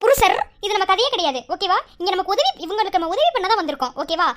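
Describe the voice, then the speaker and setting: A woman's voice: extremely high pitch, expressive, quick pace. A woman voicing a bold, self-assured young wife who teases her husband and jokes about hitting him in a cartoon. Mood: teasing. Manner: teasing, self-assured, threatening in jest. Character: bold, confident young wife with a sharp tongue. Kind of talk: cartoon voice acting.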